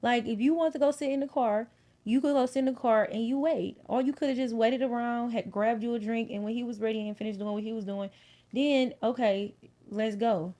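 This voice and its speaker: A woman's voice: a little high, steady tone, fairly quick, dark tone. A woman guest on a podcast, giving blunt, opinionated takes in casual slang.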